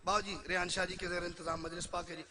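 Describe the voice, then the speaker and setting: A man with a Punjabi accent leading a religious mourning gathering, swinging between soft asides and loud shouted verse. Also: high-pitched, little pitch movement, fast talker. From Pakistan. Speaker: zakir reciting at a mourning gathering. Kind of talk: religious poetry recitation and address.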